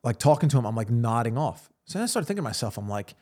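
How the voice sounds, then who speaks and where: A man's voice: mid-range voice, very animated, very fast, a little mellow. A man co-hosting a podcast, telling a chatty story. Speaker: podcast co-host. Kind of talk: casual chat.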